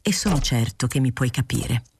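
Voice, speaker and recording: A woman's voice: very deep voice, lively intonation, moderate pace, darkish tone, a little hiss or hum. A woman voicing an authoritarian, condescending male newspaper director with a brusque, lecturing manner, in a literary audiobook.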